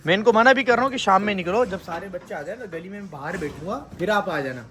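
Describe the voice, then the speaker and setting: A man with a Karachi Urdu accent lectures his children in a casual family vlog. His voice sits high for a man, and he keeps up a scolding, warning tone. A faint background hiss runs under his talk. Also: fast, fairly bright tone. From Pakistan. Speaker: vlogger and father.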